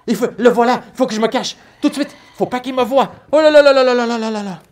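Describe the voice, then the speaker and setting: A woman playing a brave, excitable little girl knight-errant in a theatrical children's storytime, animated and exclamatory. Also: fairly high pitch, fast talker, close to an everyday voice. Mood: alarmed. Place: live storytime stage.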